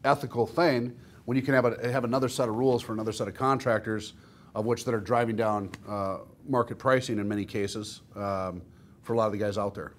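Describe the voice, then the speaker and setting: A man's voice: on the low side, steady tone. A man hosting a live panel debate in a large room, pressing his points and cutting in often. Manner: fast, pressing, interrupts. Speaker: event host.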